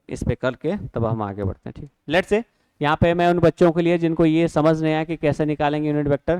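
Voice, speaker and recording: A male teacher walks students through physics problems, asking and answering his own questions. His voice is clear and sits a little high. The sound is dry and close. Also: darkish tone, no echo. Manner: explains step by step, asks and answers students' questions himself; mixes English terms into Hindi. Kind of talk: classroom lecture. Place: classroom or studio.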